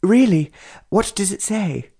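A man's voice: sits high, lively intonation, measured pace, gravelly, warm tone, breathy edge, pitched above the performer's own voice, exaggerated voice. A man voicing an eager, curious young woman painter who asks direct questions and answers bluntly.

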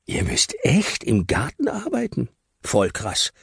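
A man's voice: mid-range voice, wildly swooping pitch, takes it slowly, gravelly, a bit bright, breathy edge, dry recording, studio quality, pitched above the performer's own voice, exaggerated voice. A man voicing a cheeky, streetwise boy with slangy, boisterous talk in a children's audiobook. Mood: excited.

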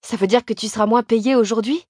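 A woman's voice: a little high, steady tone, fairly quick, a little mellow, no echo, studio quality, close to an everyday voice. A woman reading the lines of a worn-out, guilt-ridden young man in an audiobook, with tense, apologetic pleading. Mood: defensive. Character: guilty, worn-out young man leaving his sick wife.

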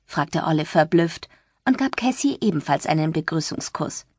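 A woman reading a novel aloud as audiobook narrator, lively and expressive, recorded close in a dry booth. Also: normal speed, slightly rough, dry recording. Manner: lively, voices the friends with light pitch shifts. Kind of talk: scripted narration. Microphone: close studio mic.

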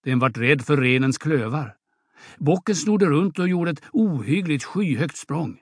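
A man's voice: a little high, animated, husky, dry recording, studio quality. A man reading an audiobook drama, voicing a boastful young peasant who spins a vivid tall tale. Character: boastful young peasant braggart, swaggering storyteller.

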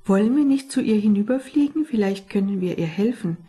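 A brisk, bossy little sparrow who urges his friends along, read by a woman. He has a mellow, husky voice. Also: mid-range voice, animated. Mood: eager. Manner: brisk, impatient. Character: clever, impatient male sparrow leader.

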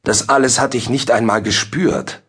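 A man's voice: mid-range voice, fairly even intonation, moderate pace, fairly bright tone, breathy edge. A man voicing a flustered, sly old village judge who blusters and dodges questions. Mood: grumbling. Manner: blustering, evasive.

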